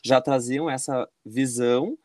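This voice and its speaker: A man talks in a casual podcast chat at a middle pitch. He winds through his points with fillers and restarts, and the sound is dry and close. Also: unhurried, a little mellow, dry recording. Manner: explains with many fillers and restarts. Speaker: podcast guest.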